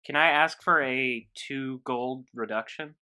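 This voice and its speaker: A man speaking as a player in a tabletop game, earnest and thinking out loud. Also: medium pitch, a little slow, clean tone. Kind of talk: casual tabletop play.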